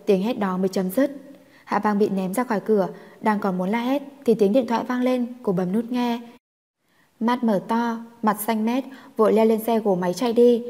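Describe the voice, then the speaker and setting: A woman reading a story aloud as an audiobook narrator in a steady storytelling manner. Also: medium pitch, long reverb tail. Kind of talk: scripted narration.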